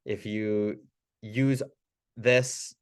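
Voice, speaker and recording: A man who works as a chiropractor, teaching Spanish phrases to use with patients in a casual, chatty way. He laughs often and acts out the phrases in a lively voice. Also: fairly low pitch, drawn-out words, clear, resonant tone. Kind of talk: casual instructional talk.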